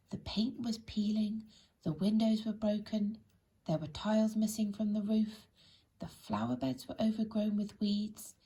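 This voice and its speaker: A woman reads a bedtime story for children, addressing young listeners directly in an expressive, deliberate way. Her voice is breathy and husky, mid-range and warm.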